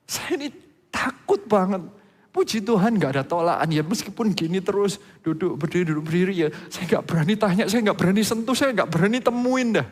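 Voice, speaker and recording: A man gives a sermon-style testimony, telling his story in an animated way with his voice leaping up at the exciting parts. His voice sits on the higher side, and a long reverb from the church hall trails after each phrase. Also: quick pace, hardly any pauses, husky. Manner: animated storytelling, pitch jumping up when excited. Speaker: preacher.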